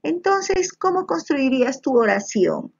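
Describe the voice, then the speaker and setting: With big pitch swings in a high, gravelly voice, a primary school teacher gives little children a spelling lesson over slides at a measured pace. She stays patient and encouraging, addressing them as little children and frequently checking they keep up. The recording is muffled.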